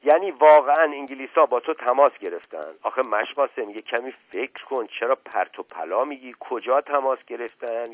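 A man's voice: medium pitch, lively intonation, hardly any pauses, no room sound, close to an everyday voice. A male narrator voicing a worldly middle-aged prince who coaxes and persuades, on a tinny lo-fi radio recording. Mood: coaxing. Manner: coaxing, persuasive.

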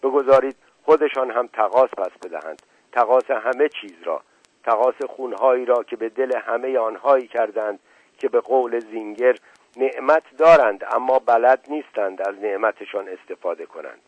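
A man's voice: mid-range voice, husky, dry recording, lightly acted, low-quality recording. A man voicing a stern, proud middle-aged landowner who speaks with scorn and lectures. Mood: lecturing.

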